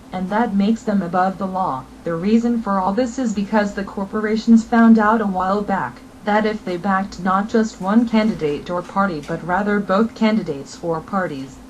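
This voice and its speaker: A woman's voice: mid-range voice, a little mellow, rough recording. Woman reading a scripted message, faint noise. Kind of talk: scripted political message narration.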